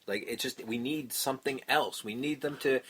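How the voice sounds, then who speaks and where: Blunt, husky-voiced man talking casually. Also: mid-range voice, normal speed, a bit bright. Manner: swears a lot, blunt and opinionated. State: stuffed up. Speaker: podcast co-host. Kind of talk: casual wrestling chat.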